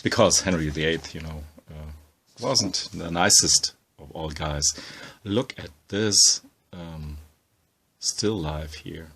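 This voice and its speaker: A man talking casually as he pages through an art book, halting often with ums and uhs while he thinks aloud. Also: rumbling low, fairly bright tone, slightly rough. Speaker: comics book reviewer. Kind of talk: casual spoken book walkthrough.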